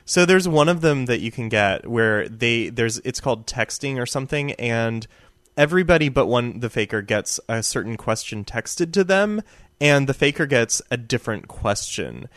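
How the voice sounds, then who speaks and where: A man on a gaming podcast, chatting casually and explaining things in a measured way. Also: mid-range voice, expressive, a bit bright, no room sound, studio quality. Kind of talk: casual chat.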